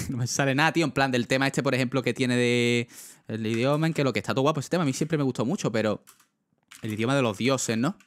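A man's voice: mid-range voice, fast talker, no echo. A young man with a Spanish accent chatting casually on a livestream, rambling with lots of fillers and talking straight to his chat. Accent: Spain. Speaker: streamer.

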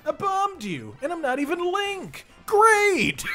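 A man with a high voice that leaps all over, talking at an unhurried pace as he hosts a game stream. He is excitable, laughs often and reads out viewer comments, with faint game music behind him. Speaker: streamer host. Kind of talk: casual gaming stream chat.

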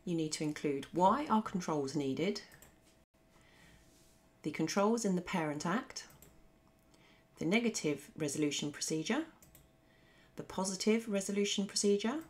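Low-voiced woman teaching law revision. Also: a little mellow. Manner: clear, methodical explaining. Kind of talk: scripted revision lesson narration. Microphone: voice-over.

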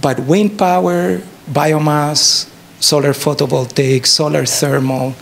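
A middle-aged Chilean man, a native Spanish speaker, answers an audience question as a professor in a university lecture theatre, and the recording picks up a lot of hall noise. His voice sits on the high side with vocal fry, and he talks slowly. He explains in an animated, emphatic way, using short punchy statements and plenty of rhetorical questions.

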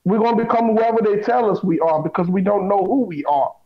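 A man speaking as a guest in a talk, preaching in an emphatic way and slowly repeating his key lines. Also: sits high. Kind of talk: preachy conversation. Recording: dull lo-fi sound.

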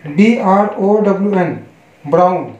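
An Indian man with a high, slightly mellow voice gives an online English pronunciation lesson as an English teacher. He spells words letter by letter and then gives their Hindi meanings, teaching slowly, deliberately and repetitively. The recording sounds echoey and dull, like a lo-fi room.

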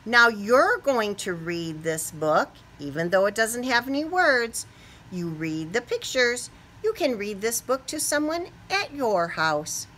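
In a small classroom, a middle-aged American woman who teaches kindergarten reads aloud to young children, full of animated, playful energy and exaggerated questions and reactions. Her pitch is fairly high and her delivery a little slow. Some faint hiss or hum sits under the recording.

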